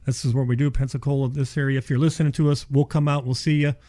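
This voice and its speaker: A man's voice: medium pitch, level tone, fast talker, mellow. A man speaking as a contractor guest in a casual radio interview, explaining in a folksy way and repeating himself for emphasis. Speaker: insulation contractor, show guest.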